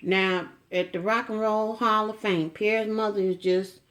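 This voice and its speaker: A woman's voice: medium pitch, steady tone, unhurried, a bit bright. A middle-aged woman chatting casually to camera at home, folksy and teasing, with frequent asides to her viewers. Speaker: vlogger.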